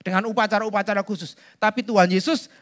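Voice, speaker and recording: A man's voice: sits high, fairly even intonation, fast, a bit bright. A man preaching to his congregation. He talks in a loose, conversational way, speaks to them directly and drops in asides. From Indonesia. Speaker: pastor. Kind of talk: sermon.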